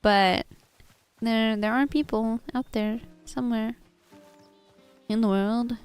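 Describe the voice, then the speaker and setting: A woman's voice: a little high, fairly even intonation, slow pace, smooth, faint music behind. A woman streaming a game, speaking in a stiff, formal put-on character accent while greeting raiders and chatting. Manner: greets raiders and chat warmly. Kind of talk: live gaming stream chat.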